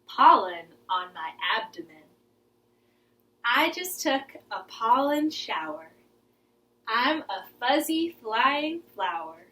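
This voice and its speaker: This young woman's voice is a little high with a sharp tone, captured on a rough recording in her living room. Teaching a children's garden class, she stays simple and instructive while getting her young listeners involved.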